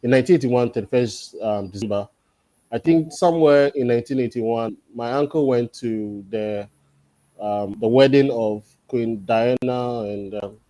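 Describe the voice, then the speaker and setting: A man around forty, a guest in a casual interview, talking thoughtfully and pausing often on drawn-out fillers. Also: medium pitch, dark tone, no echo. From Ghana. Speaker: podcast guest.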